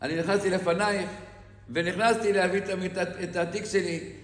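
A man's voice: high voice, steady tone, close to an everyday voice. A male preacher voicing an alarmed, devout young man who urgently insists on propriety. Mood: flustered. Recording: echoey hall reverb.

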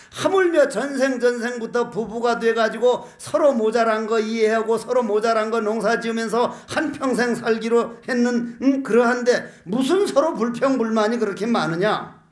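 An older man preaches, telling folksy jokes and tossing out rhetorical questions. He is a Buddhist monk giving a sermon. The sound is echoey, as in a large lecture hall. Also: very high voice.

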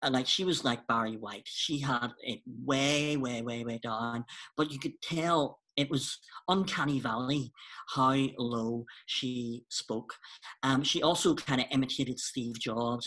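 A man's voice: mid-range voice, fairly bright tone. A man hosting a casual chat and giving his opinions in a conversational way. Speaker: host.

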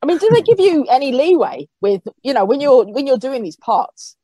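A woman's voice: high voice, sing-song, a little fast, mellow, husky, no room sound. A woman co-hosting a podcast, bubbly and encouraging, laughing often. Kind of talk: casual interview.

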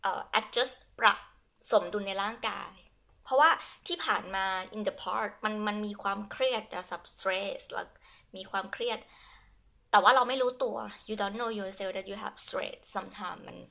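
A young adult Thai woman teaching her language, switching between Thai and slow, halting English with a Thai accent, and often repeating herself. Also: medium pitch, gravelly, pushed and bright. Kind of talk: bilingual lesson, Thai with English glosses.

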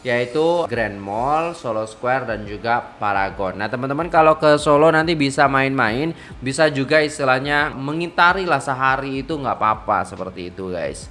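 A man's voice: medium pitch, lively intonation, normal speed, bright, forceful tone, a little hiss or hum. A man, chatting casually as he reacts to a video and calls viewers "guys". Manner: chatty, frequent exclamations, addresses viewers as guys. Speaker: reaction vlogger. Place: small decorated room indoors.

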